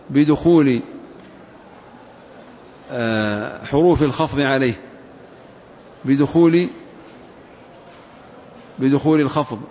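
Slightly high man teaching, repeating terms. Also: a little mellow. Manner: repeats and stretches words for emphasis, questions the class. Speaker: grammar teacher. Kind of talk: classroom lesson. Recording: muffled recording with faint hiss.

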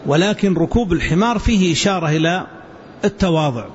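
A man teaching a hadith lesson to students, explaining word forms slowly and repeating them so the class can follow. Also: sits high, animated. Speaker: religious teacher. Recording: dull lo-fi with faint hiss.

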